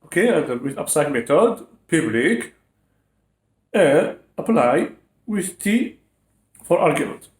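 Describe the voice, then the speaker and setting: A man's voice: a little high, sing-song, slow, long pauses. A man giving a step-by-step programming lesson in non-native English phrasing, dictating code symbol by symbol and often checking in with short questions. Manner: frequent rising check-in questions. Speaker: programming tutor. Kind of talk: step-by-step coding lesson, spelling out code aloud. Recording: echoey room.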